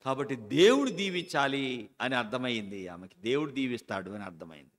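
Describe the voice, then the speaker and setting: A middle-aged man preaching a sermon as pastor, with sudden loud outbursts and slow, stressed repetitions. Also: mid-range voice, very animated. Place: church hall. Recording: long church hall reverb.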